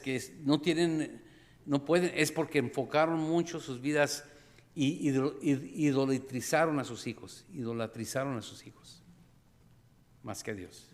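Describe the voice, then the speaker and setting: Man, middle-aged pastor, lively sermon, fairly high voice, acts out scenes with sudden cries, long echo of a church hall. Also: a little slow. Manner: animated preaching that acts out scenes with shouted cries; addresses the congregation as brothers and sisters. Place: church sanctuary.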